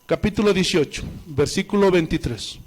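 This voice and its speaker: A man's voice: high voice, normal speed, darkish tone. A male pastor, preaching a sermon with emphatic rhetorical questions and reading scripture aloud. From Bolivia.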